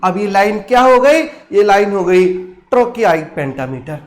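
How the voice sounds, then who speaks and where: A man teaching English literature for exam preparation, reciting verse slowly and quizzing his students. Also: sits high, big pitch swings. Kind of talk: exam-prep lecture in Hindi and English.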